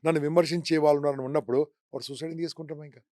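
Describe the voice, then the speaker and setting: A man giving animated career advice in an interview, full of rhetorical questions and English words. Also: on the high side, very fast, no room sound, clean studio sound. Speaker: career trainer.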